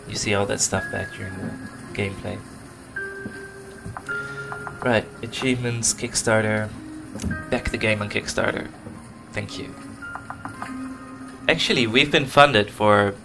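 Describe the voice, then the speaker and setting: This Dutch let's player has a fairly low voice with vocal fry, chatting aimlessly and searching for words as he plays. The recording, made on a computer with a desk microphone, is rough, and game music runs in the background.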